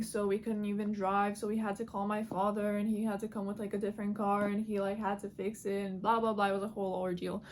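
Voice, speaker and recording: A woman's voice: a little high, a bit bright, a little hiss or hum. A woman telling a casual storytime while she draws, chatty and full of fillers, with casual swearing. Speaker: vlogger.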